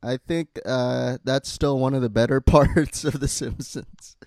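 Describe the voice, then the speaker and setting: Man, casual podcast chat, unhurried and halting, frequent laughs, dry sound. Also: medium pitch, steady tone, creaky, a little mellow, no echo. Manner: slow, hesitant, laughs often.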